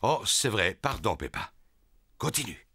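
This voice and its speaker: A man voicing a jolly, good-natured daddy pig in a children's cartoon dub, hearty and expressive. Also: fairly low pitch, unhurried. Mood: apologetic.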